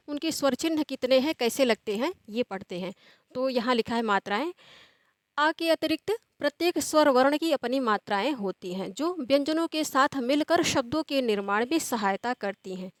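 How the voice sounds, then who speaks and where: A woman teaching a grammar lesson, who asks questions and then answers them in a steady, explaining way, drawing out the example words slowly. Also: high-pitched, no room sound.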